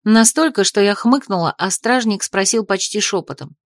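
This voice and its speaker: A woman narrating a romantic fantasy audiobook in the first person, with a wry, expressive reading. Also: mid-range voice, moderate pace, no room sound, clean studio sound.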